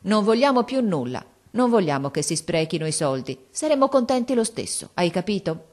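Storybook: woman reader doing a resolute young sister, earnest and pleading, pitched up high. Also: big pitch swings, fairly quick, darkish tone. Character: resolute, loving young girl, older sister.

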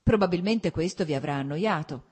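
A reserved young officer speaks with formal, courteous restraint, as a woman narrator reads his lines. The voice stays close to the reader's own dark, husky tone. It is an audiobook reading of a novel. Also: lowish voice, lively intonation, fairly quick.

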